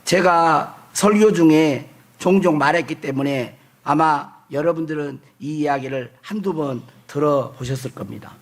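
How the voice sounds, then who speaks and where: A middle-aged man preaching a Sunday sermon as pastor, reading scripture slowly and swinging between loud declaring and soft low asides. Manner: reads scripture aloud slowly.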